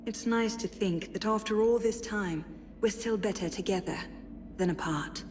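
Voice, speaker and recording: In a video game, an actress voices a spirited young French noblewoman, reading letters aloud with expressive, measured, articulate delivery. Her pitch is medium and the acting light, with a tender yet reserved mood.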